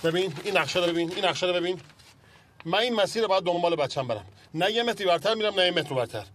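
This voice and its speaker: A man's voice: high voice, lively intonation, a bit bright, a little hiss or hum. A bossy, hot-tempered father. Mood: angry. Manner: irritable, lecturing, insistent. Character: pushy middle-aged father, quick-tempered. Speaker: actor playing a father. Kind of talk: film drama acting.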